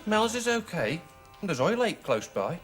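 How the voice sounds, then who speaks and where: A man's voice: high-pitched, sing-song, moderate pace, fairly bright tone. An actor playing a mild, cautious, homely man, earnest and hesitant in natural TV comedy-drama dialogue. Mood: mildly defensive. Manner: hesitant, earnest, mildly fussy. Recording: music behind the dialogue.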